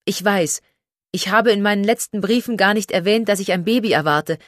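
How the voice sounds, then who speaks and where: A woman doing a high, excited young mother-to-be. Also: fairly quick, no echo, studio quality, natural voice. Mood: eager joyful. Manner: bright, excited and pleading. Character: young pregnant woman, joyful and eager.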